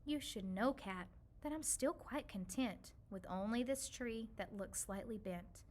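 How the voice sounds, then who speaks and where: A woman voicing a kindly, lonely old woman in a children's storybook, gentle and soothing as she reminisces. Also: a little high, unhurried. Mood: content. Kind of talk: children's storybook read-aloud.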